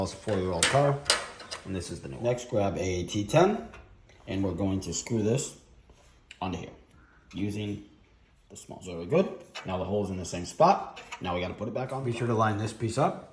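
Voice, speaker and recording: A car owner making an install video explains a car part installation step by step while working with his hands, relaxed and matter-of-fact. For a while he has a lollipop in his mouth. His voice is fairly low and a little fast, with background noise.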